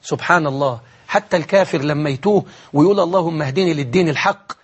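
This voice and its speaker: Fast, husky Egyptian preacher man. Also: a little high. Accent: Egyptian Arabic. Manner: earnest, fervent supplication in long repeated lists. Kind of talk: televised sermon and closing prayer.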